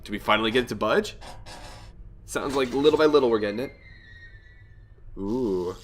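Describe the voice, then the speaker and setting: With slight background noise behind him, a young man talks at a normal speed in a medium-pitched voice, a little nasal from a cold. Hosting a let's play, he offers casual commentary, chatting and thinking aloud while reading game text out loud.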